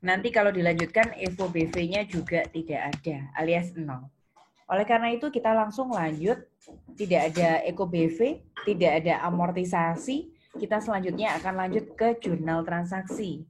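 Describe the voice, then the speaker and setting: Keyboard typing, clicks and general noise fill this interactive online accounting lesson. The lecturer, a woman with a fairly low voice, explains step by step, quizzing students and repeating their replies.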